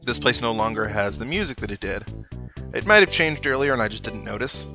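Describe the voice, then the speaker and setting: A man hosts a let's play, offering casual, chatty video game commentary sprinkled with wry asides while game music plays behind him. His voice is mid-range, his intonation lively, and his pace brisk.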